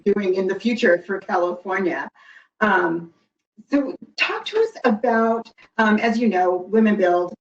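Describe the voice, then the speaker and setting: A woman hosting a webinar, asking halting questions with fillers. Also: lowish voice. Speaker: webinar host. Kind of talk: interview questions. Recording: distant, roomy, dull video call audio.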